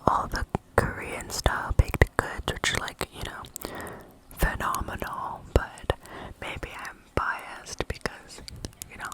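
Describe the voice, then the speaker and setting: An ASMR vlogger chatting in a soft unvoiced whisper, rambling with many fillers and eating between remarks. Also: slow pace, low-quality recording. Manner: chewing and eating sounds between talk.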